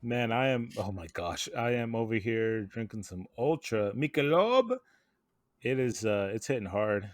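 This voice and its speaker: A man's voice: medium pitch, lively intonation, unhurried, no room sound, studio quality. A tipsy man co-hosting a podcast, bantering casually with his friends. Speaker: podcast co-host.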